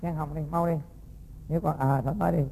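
A man, a Buddhist monk telling a moral story to young students and quizzing them in a lively, folksy way. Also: a little high, fast, vocal fry, a little hiss or hum, rough recording.

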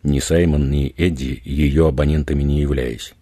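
A man narrating an audiobook in a measured, unhurried reading. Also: very deep voice, fairly even intonation, warm tone, dry recording, clean studio sound. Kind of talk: scripted narration.

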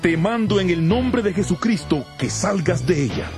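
An actor playing a bold, commanding apostle in a dramatized Bible, speaking emphatically. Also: male voice, high voice, lively intonation, moderate pace, over music. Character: Paul, bold commanding apostle of early Christianity.

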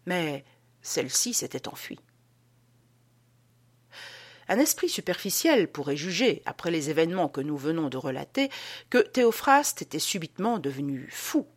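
Lively low-voiced woman narrator. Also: normal speed, long pauses. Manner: expressive, animated reading. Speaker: audiobook narrator. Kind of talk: scripted literary narration.

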